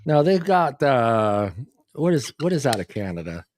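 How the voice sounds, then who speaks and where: A man's voice: medium pitch, sing-song, a little slow, darkish tone, slight background noise. A man co-hosting a casual talk show, teasing the others and laughing often. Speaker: podcast co-host. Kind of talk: casual chat.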